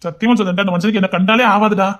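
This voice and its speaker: A man's voice: high voice, steady tone, very fast, fairly bright tone. A man acting a fed-up young man who grumbles in exasperation about his father-in-law, in casual dramatic dialogue. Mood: grumbling. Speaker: actor in a web drama.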